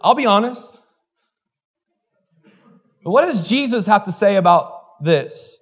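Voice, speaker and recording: A man's voice: sits high, lively intonation, slow pace, husky, muffled recording. A man preaching a sermon as pastor in a church, candid and conversational, joking at his own expense and filling his talk with "like.". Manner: candid, conversational, self-deprecating, many "like" fillers.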